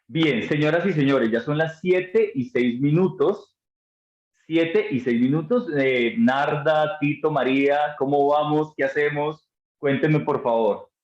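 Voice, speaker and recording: A man's voice: on the high side, a little slow. A man teaching a live online class on mind and meditation, answering chat questions in an encouraging, effusive way, with hesitant fillers as he thinks aloud. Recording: dull, roomy sound.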